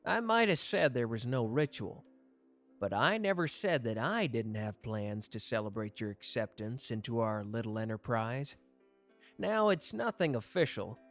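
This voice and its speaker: In a roleplay audio, a man plays a suave, teasing young mafia executive who loves fine wine, speaking playfully to the listener. His mid-range voice sounds coaxing and conciliatory.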